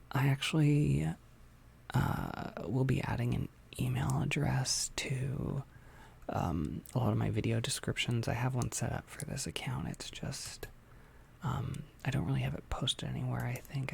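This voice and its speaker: A young adult ASMR host talks casually to a livestream, mostly whispering. The voice is soft and very gravelly with heavy creak, halting and informal, with small clicks from a tongue piercing. A faint noise sits behind it. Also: mid-range voice. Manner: soft-spoken, hesitant, informal. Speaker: ASMR content creator hosting a livestream.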